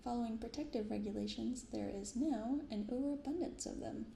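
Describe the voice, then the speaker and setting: In a fairly high pitch, a woman hosts a card-opening ASMR video, speaking in a soft, gentle, unhurried and casual manner. Background noise is clearly audible over the roomy echo of her binaural recording.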